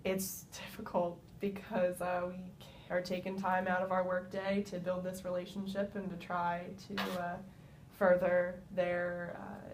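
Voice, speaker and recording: A woman takes the client's part in a practice sales pitch. Her answers come haltingly, in a slightly low, fairly even voice, over a faint rumble. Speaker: practice client acting as a meat business manager. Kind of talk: role-played business conversation. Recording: faint rumbly background noise.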